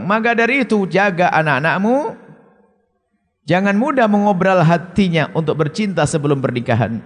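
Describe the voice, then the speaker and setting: A male preacher giving a sermon in answer to an audience question, speaking in an emphatic, stern way. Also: in a large hall. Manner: emphatic and stern, with sharp swings of pitch.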